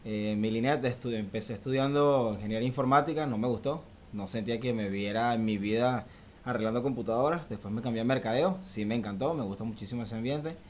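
A man's voice: medium pitch, fast, darkish tone. Young Venezuelan man, guest on a chat podcast, easygoing and chatty, laughs between bites of hot wings, faint noise behind. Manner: chatty, laughs while eating spicy wings. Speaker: guest photographer. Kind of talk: casual interview chat.

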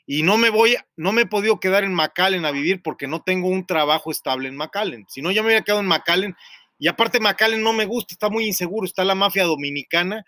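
A Mexican man with a high, bright voice rambles through a profane, joking story on a radio talk show. He sounds close to the mic in a dead, dry space. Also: fast talker, no echo.

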